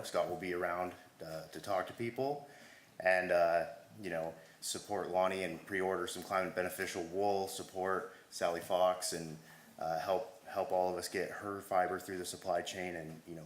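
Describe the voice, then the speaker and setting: A man giving an informal update to a gathering, hesitant with pauses, his voice giving out. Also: low voice. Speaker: industrial weaver presenting an update. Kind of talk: informal spoken presentation to a community gathering. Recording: echoey room, background noise.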